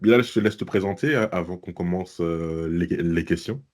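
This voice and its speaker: A man with a Belgian French accent and a very deep, dark voice hosts an interview. He reads out his questions casually and hesitantly, with frequent fillers. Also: moderate pace. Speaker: interview host. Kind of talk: hosting an interview.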